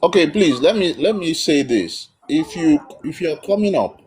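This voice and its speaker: A man's voice: a little high, lively intonation, normal speed, darkish tone, a little hiss or hum. A man giving emphatic, blunt spiritual counsel as host of a live call-in.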